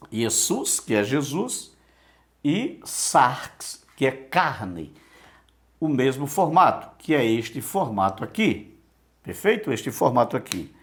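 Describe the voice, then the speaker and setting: In an online lesson, a man with a mid-range voice poses questions to himself and answers them. He repeats words slowly so they can be drilled.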